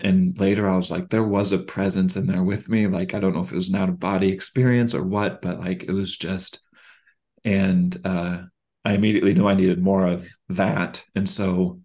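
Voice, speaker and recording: A man in a casual podcast conversation, candid and reflective, talking haltingly with many fillers and restarts. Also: sits low, darkish tone.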